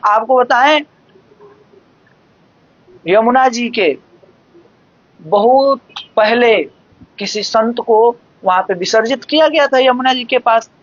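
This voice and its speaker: A devotional speaker expounding scripture in an unhurried, deliberate way, sometimes slowing further to recite sacred verses. The sound is dry and close, with a dull, lo-fi tone. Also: medium pitch, no echo. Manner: measured, explanatory, recites verses slowly. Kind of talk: devotional discourse explaining scripture.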